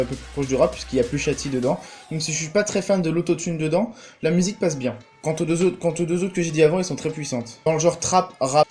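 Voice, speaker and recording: A man's voice: fairly high pitch, darkish tone. A young man hosting a casual spoken album review, chatty and enthusiastic, with lots of "euh" fillers. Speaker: music reviewer, channel host.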